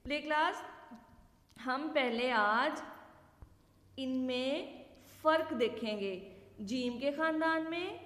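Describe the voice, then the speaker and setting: Patient woman teacher, high echoey voice. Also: a bit bright. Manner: slow, patient, asks and answers own questions. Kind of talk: children's alphabet lesson. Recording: echoey room with long reverb.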